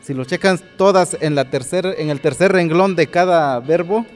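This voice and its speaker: A man in a language workshop speaking hesitantly, pausing and restarting his phrases. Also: a little high. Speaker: workshop participant. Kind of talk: classroom exchange. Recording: hall reverb, faint music.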